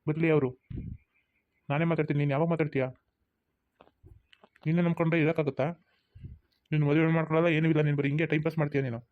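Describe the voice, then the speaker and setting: A man's voice: on the high side, flat delivery, very fast, long pauses, natural voice. A man voicing a young male college student who insistently demands an answer. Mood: demanding. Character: young male college lover, pushy and impatient. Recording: tinny phone-like sound.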